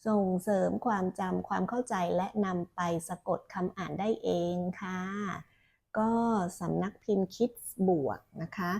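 A woman's voice: mid-range voice, steady tone, a little slow, vocal fry, darkish tone. A woman casually reviewing a children's picture book, chatty, with lots of filler particles and the odd self-correction.

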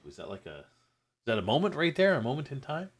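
A man putting on a soothing late-night radio host voice, hushed and slow like telling a bedtime story. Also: mid-range voice, wildly swooping pitch, breathy edge.

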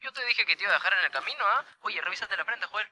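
An actor playing a smug young male rival in a sitcom, speaking with a mocking, drawn-out teasing manner. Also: high-pitched, lively intonation, crowd noise. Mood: smug taunting. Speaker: rival on the phone. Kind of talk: sitcom acting.

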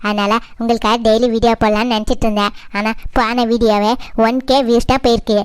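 A woman's voice: on the high side, little pitch movement, fast, clean tone, no echo. A woman who makes the channel, chatting to viewers and appealing to them in a casual way. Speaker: channel creator.

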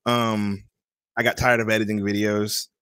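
A man in his thirties chats on a live stream at a desk mic. He is laid-back and answers dryly. His delivery stays casual and even. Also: on the low side, normal speed, background noise. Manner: laid-back, dry pushback. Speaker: podcast co-host.

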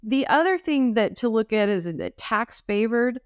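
A woman's voice: fairly high pitch, expressive, normal speed, smooth, dry recording, clean studio sound. Woman presenting on a webinar call. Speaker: webinar presenter on ministers' compensation. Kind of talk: explanatory webinar talk. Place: indoor room. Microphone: webcam on a video call.

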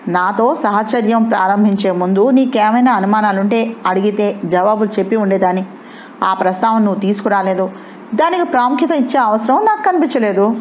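A woman's voice: medium pitch, a little fast, darkish tone, slight background noise, natural voice. Brief: a defiant young wife, read by a woman, cool and cutting.

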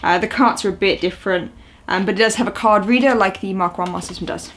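Talking fast at a medium pitch, a young video host sits on her sofa in a small indoor room at home. She's in her twenties, unboxing on camera and chatting casually, with her rambling full of ums and uhs.

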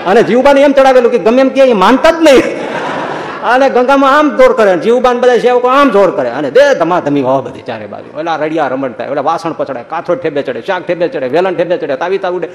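A man giving a humorous religious talk, telling anecdotes in a lively storytelling way and acting out the people in them. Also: high voice, quick pace. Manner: storytelling, animated, acts out quoted voices. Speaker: preacher. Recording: long hall reverb.

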